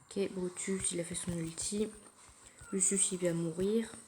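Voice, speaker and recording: A woman giving casual commentary while playing a mobile game, thinking aloud in a quiet, low-key way, recorded through her phone. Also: steady tone, unhurried, slight background noise. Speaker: mobile gamer narrating her play. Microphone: phone screen recording.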